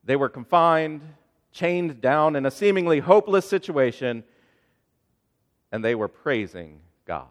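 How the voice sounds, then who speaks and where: A man's voice: fairly high pitch, expressive, measured pace. A man preaching a sermon as pastor, telling a story earnestly with rising and falling emphasis. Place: church sanctuary. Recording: long hall reverb.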